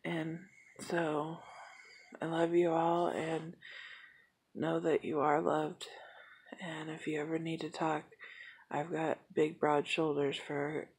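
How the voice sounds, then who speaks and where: A young woman in her late twenties opens up in a personal vlog update, her voice low and deeply husky. She talks slowly and haltingly, with many fillers, holding back emotion. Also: completely flat delivery, a little mellow. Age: 20s. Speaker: vlogger.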